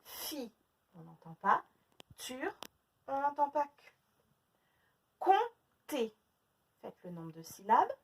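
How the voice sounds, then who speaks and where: A woman teacher giving a phonics lesson to young children, stretching out each syllable and repeating words slowly. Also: on the high side, very animated, creaky, fairly bright tone, breathy edge, far from the mic.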